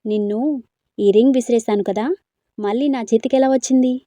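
Cheeky teasing young guy in a story, a woman doing him, warm mellow voice. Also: on the high side, fairly even intonation, fairly quick, no echo, natural voice. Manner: playful teasing.

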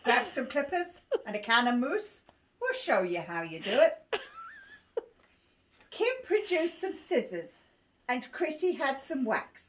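Reading a rhyming picture book in a small, cluttered living room, a giggly 80-year-old English woman keeps dissolving into laughter. Her high, sing-song voice is unhurried with long pauses, and a phone camera a few feet off records the home video with faint noise and clicks.

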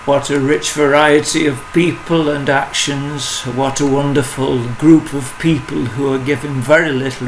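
A man's voice: fairly high pitch, slight background noise, rough recording. A man narrating a casual street tour and interviewing buskers, speaking in a chatty commentary manner. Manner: chatty, touring commentary with asides. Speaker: host and interviewer. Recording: loud busker music in background. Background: loud street music.

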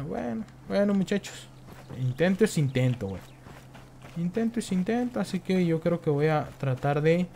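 A young Mexican man with a slightly high-pitched voice, talking over his own gameplay. He swears freely and fills almost every phrase with street slang, in a loose, rambling commentary. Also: a little mellow, a little hiss or hum. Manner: profane, slangy, says "güey" after nearly every phrase. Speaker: gameplay streamer.

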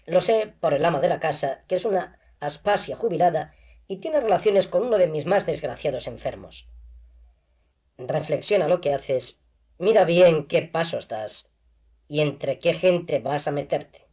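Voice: mid-range voice, animated, a little slow, darkish tone. A reader voicing a stern, ironic male doctor who lectures and admonishes, in an audiobook reading on a dull lo-fi recording. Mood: admonishing.

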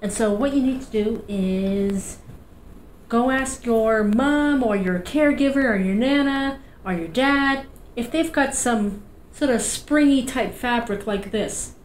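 A fairly high-pitched, slow-paced woman speaks in a reverberant space with slight background noise. She is a middle-aged Canadian children's librarian with a Newfoundland accent, cheerfully leading a sing-song, encouraging storytime at home. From an armchair in a small indoor room, she is captured by a fixed camera a few feet away.

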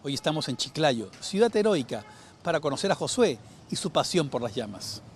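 Guy narrating a doc, high voice, really lively swings in pitch. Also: normal speed, slight background noise. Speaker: correspondent. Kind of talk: scripted documentary narration.

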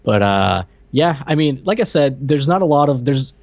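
A middle-aged man co-hosts a film review podcast stream, chatting casually into a close-up desk microphone over a video call on a slightly dull stream. His medium-pitched voice is expressive and moderately paced, with a darkish tone and no echo.

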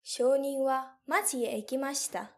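A young woman teacher telling a story slowly and carefully for learners, with clear, deliberate phrasing. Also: high-pitched, fairly even intonation, a little mellow. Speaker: language teacher.

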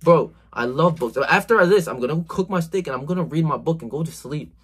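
Recorded on a phone in a cramped bedroom, a self-improvement vlogger in his twenties, about to hit twenty-one, gives a swearing, "bro"-filled motivational talk with lots of gesturing. His voice is a little high and slightly rough, expressive, and a bit fast.

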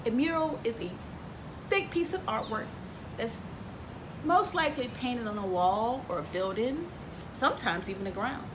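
This story time host, a middle-aged woman, has a fairly high voice and reads a children's book with lively, swooping expression. She breaks off for asides and frequent questions to the kids. Ambient noise from the outdoor porch setting is noticeable.

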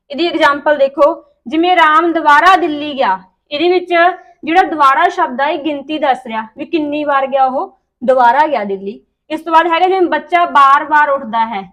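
A woman's voice: high-pitched, a bit bright. A woman teaching grammar, asking the class questions and then answering them herself. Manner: Punjabi-style informal speech. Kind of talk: explaining grammar to students.

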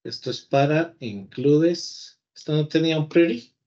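A man's voice: fairly high pitch, a little slow, a little mellow. A man teaching a live coding class, chatting and talking to his computer as if it were a person. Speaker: programming teacher. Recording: slightly dull lo-fi audio.

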